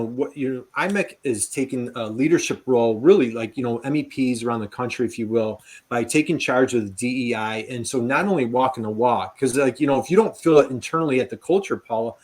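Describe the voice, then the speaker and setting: Man, show host, mid pitch, casual, enthusiastic, rambling, lots of fillers. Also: a little fast, few pauses, husky. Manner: chatty, rambling, hypothetical role-play questions. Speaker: host of a live video interview show. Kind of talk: interview hosting, casual and enthusiastic.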